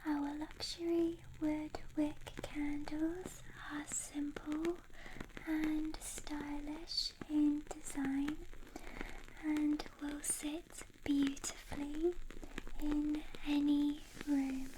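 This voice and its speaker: A woman in an ASMR role-play as a personal shopper, softly and gently presenting products in a breathy soft voice. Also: high-pitched, completely flat delivery, very slow, noisy background.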